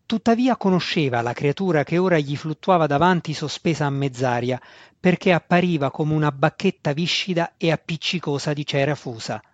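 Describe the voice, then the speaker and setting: A man reading a fantasy novel aloud in a steady, expressive narration, in a dull, dry recording. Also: fairly high pitch, a little fast, no room sound. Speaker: audiobook reader.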